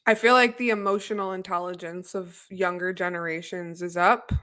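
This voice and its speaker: A woman's voice: fairly low pitch, steady tone, normal speed, a bit bright. A young woman co-hosting a casual podcast over a video call, chatty and sarcastic. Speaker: co-host. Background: faint music.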